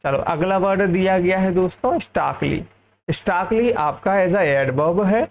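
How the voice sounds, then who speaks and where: Male teacher from India, upbeat classroom delivery, slightly raised pitch, muffled lo-fi recording. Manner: lively, keeps checking understanding with "ठीक है". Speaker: English teacher. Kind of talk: classroom vocabulary lesson.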